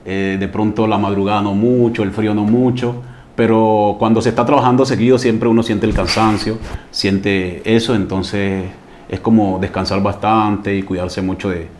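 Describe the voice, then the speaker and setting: A man's voice: lowish voice, steady tone, normal speed, a little mellow, a little hiss or hum. A man from Colombia, a salsa orchestra singer, answering interview questions hesitantly with many fillers.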